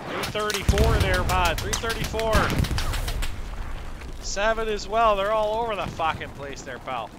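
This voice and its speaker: A man's voice: sits high, a little slow. A man roleplaying in voice chat, laying on an exaggerated Canadian accent and calling everyone pal and bud. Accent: put-on Canadian. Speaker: gamer in voice chat. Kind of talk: in-character roleplay over game chat. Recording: noisy game chat over gunfire. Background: gunfire and explosions from a war game.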